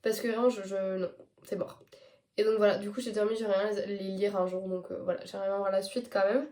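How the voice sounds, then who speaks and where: A woman's voice: mid-range voice, little pitch movement, fast talker, mellow. Tired teenage girl chatting about books. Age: teens. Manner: chatty, hesitant, stumbles over English titles. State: tired and sick. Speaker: book vlogger. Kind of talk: casual chat to camera.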